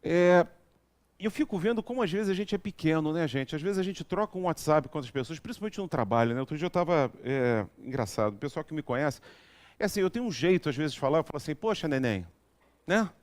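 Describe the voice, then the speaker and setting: A man delivers a relaxed spiritual talk in a somewhat high voice. He tells everyday anecdotes and keeps checking in with his listeners in a chatty, storytelling manner. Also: fast. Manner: chatty, storytelling, frequent asides asking the audience. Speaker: lecturer at a spiritist center.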